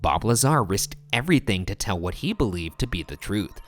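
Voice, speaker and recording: A man reading scripted documentary narration in a measured way, setting quotes apart. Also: fairly low pitch, very animated. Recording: voice-over with clear music behind.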